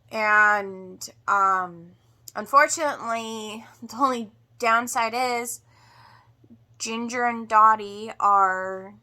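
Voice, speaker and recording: Slow-talking woman, drained after surgery, bright voice. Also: medium pitch. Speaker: homestead vlogger. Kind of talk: casual vlog update to viewers.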